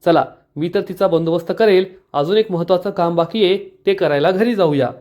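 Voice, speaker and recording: A man's voice: sits high, a little fast, a little mellow, lightly acted. A man voicing a scheming young woman from a TV drama, reading her plotting lines in a calculating tone.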